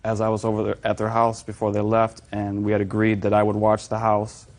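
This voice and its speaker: A man's voice: on the low side, completely flat delivery, fairly quick, darkish tone. A man in his twenties giving courtroom testimony as a defendant, deferential and hesitant. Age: 20s.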